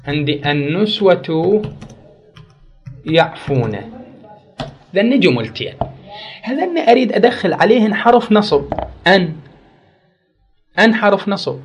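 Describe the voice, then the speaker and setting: A man teaching an Arabic grammar lesson, repeating key words and quizzing his class with questions. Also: high-pitched. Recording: dull lo-fi recording.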